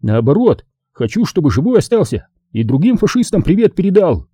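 A man's voice: a little high, big pitch swings, a little fast, warm tone, slightly rough, no room sound, voice pushed up. A man voicing a cheeky, easygoing young sailor who talks in a teasing, playful way.

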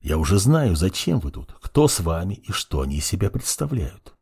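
A man voicing a calm, coldly fascinated undead lich. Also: low voice, moderate pace, vocal fry, breathy edge, heavily acted. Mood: menacing. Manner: calm, coolly fascinated, softly menacing. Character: cold, curious undead lich mage, centuries old. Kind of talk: audiobook character reading.

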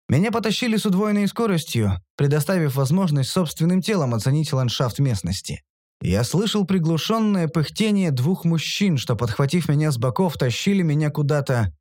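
A man narrates a first-person audiobook, wry and sardonic. His pitch moves a lot and keeps the telling animated. The recording is dry and close-miked. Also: moderate pace, no room sound.

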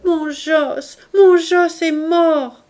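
A woman voicing a frantic, grief-stricken old mother with a shrill, crow-like cry, drawing out her wails. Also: fairly even intonation, a little mellow, heavily acted. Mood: wailing grief. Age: older. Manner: drawn-out wailing cries.

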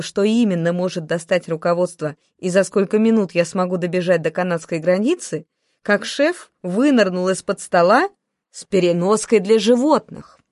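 A woman's voice: mid-range voice, a little mellow, dry recording, studio quality. A woman narrating a first-person story in an ironic storytelling manner. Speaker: audiobook narrator.

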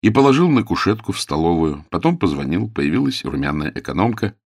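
A man narrating a story as an audiobook in a measured, expressive reading. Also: low voice, slightly rough, no echo, studio quality.

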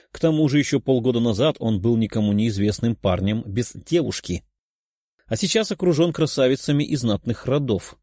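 A man narrating an audiobook in an even, measured reading. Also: fairly low pitch, dry recording, clean studio sound.

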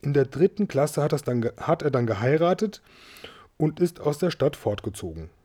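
A man's voice: a little high, lively intonation, moderate pace, mellow. A man doing an eager young schoolboy. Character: curious schoolboy, lively and eager.

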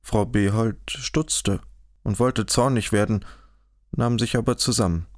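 A man narrating a historical novel in an audiobook, in a measured, even storytelling manner, close to the mic. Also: fairly low pitch, no echo. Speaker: audiobook reader. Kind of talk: scripted narration.

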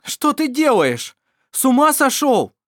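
A reader doing a frantic, shouting young man. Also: huge pitch swings, unhurried, dry recording, clean studio sound, exaggerated voice. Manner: high, loud, frantic.

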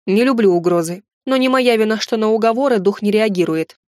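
A woman voicing a level-headed young heroine in a story reading, who speaks calmly and curtly. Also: medium pitch, a little fast, no echo, studio quality, lightly acted. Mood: firm. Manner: calm, curt.

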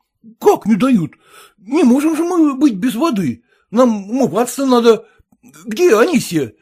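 A man reading a story aloud, voicing a flustered middle-aged gentleman, a husband with a blustering, bewildered manner. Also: extremely high pitch, very animated, measured pace, breathy edge, full character voice. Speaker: character in a read story.

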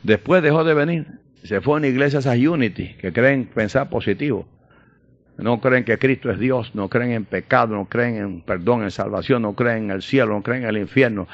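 A man preaching a sermon, swinging between loud emphatic proclamation and quiet personal storytelling. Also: medium pitch, normal speed, gravelly, dry recording. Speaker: pastor. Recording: dull lo-fi sound.

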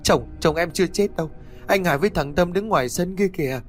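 A man's voice: fairly high pitch, moderate pace, over music, lightly acted. A man voicing a grief-crazed young widow in a spoken ghost story, crying out to her dead husband and son. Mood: haunted. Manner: pleading, trembling cries.

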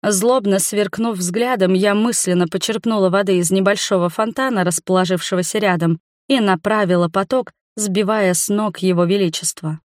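A woman narrating a fantasy novel in the first person, with a lively, expressive reading. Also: mid-range voice, normal speed, hardly any pauses, no room sound, clean studio sound. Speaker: audiobook narrator.

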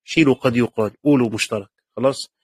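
A man's voice: medium pitch, quick pace, a little mellow, slightly rough, no room sound, studio quality. A man with an Egyptian Arabic accent teaching a lesson on Quran commentary, patiently asking and answering his own questions and repeating key points. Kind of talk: classroom lecture.

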